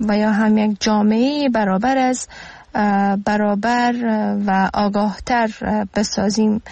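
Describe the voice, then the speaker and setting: A woman teacher with an Afghan Dari accent speaks in a fairly high voice. Her delivery is measured and full of hesitant pauses. The sound is dry and close. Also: darkish tone, no echo. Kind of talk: radio lesson.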